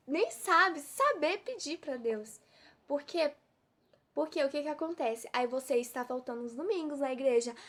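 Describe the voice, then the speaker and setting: Mineiro woman preaching casually, pretty high voice, keeps asking "you see?". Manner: preachy, full of rhetorical questions. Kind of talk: informal devotional sermon.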